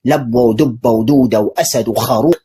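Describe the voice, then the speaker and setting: A man giving animated polemical commentary as a religious debater. He mocks his opponent, asks rhetorical questions and quotes scripture. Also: mid-range voice, fairly quick, breathy edge. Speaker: religious debater responding to clips.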